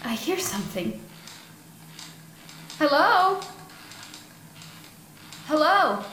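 An actress playing a gentle, innocent young princess, speaking softly with a naive, wistful manner in an audio drama. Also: female voice, sits high, big pitch swings, extremely slow, echoey room, a little hiss or hum, heavily acted, rough recording.

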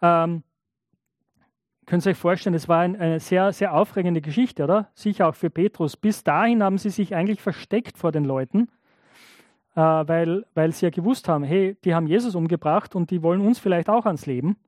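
A man's voice: high-pitched, brisk, a little mellow, no echo, clean studio sound. A man preaching a sermon in a conversational way, often checking in with the congregation. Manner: acts out biblical and imagined speakers in changed voices.

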